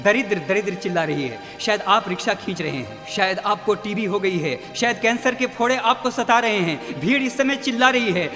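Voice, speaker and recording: A man's voice: sits high, lively intonation, moderate pace, few pauses. A man preaching a devotional sermon, telling a dramatic story and calling out to his listeners. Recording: long reverb with faint music.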